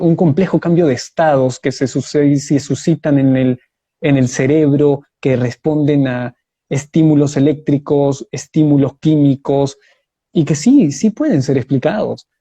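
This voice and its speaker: A man's voice: fairly high pitch, mellow, slightly rough. A man answering in a live online debate over a video call, explaining his view step by step with examples. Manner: measured, explanatory, uses examples. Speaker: debate guest.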